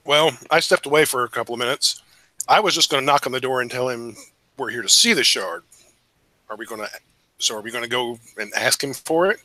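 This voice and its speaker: Bright-voiced man pressing for details. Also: mid-range voice, fairly quick, dry recording. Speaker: player. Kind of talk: casual tabletop play.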